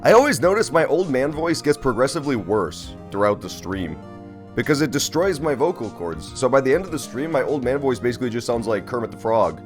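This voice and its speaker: A man's voice: mid-range voice, lively intonation, fairly quick, faint music behind. A man streaming a game and chatting casually with viewers, playful, rambling and sweary. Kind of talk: casual live-stream chat with gameplay commentary.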